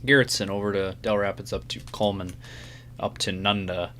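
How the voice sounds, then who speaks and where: Lowish-voiced man hosting live weather coverage. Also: fairly even intonation, fairly quick, a bit bright. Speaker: severe weather livestream host. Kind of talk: casual unscripted live weather commentary. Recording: faint background hum.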